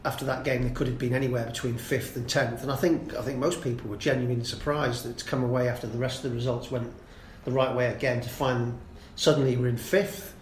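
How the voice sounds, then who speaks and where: A man's voice: mid-range voice, level tone, quick pace, hardly any pauses, a little hiss or hum. A man on a casual football podcast, talking fluently and analytically as a guest pundit. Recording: echoey room with faint ambience.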